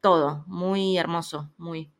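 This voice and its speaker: A woman's voice: lowish voice, steady tone, takes it slowly. A young woman with an Argentine accent, chatting casually as she tells a personal travel story with many fillers. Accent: Argentine Spanish. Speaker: traveler telling her story.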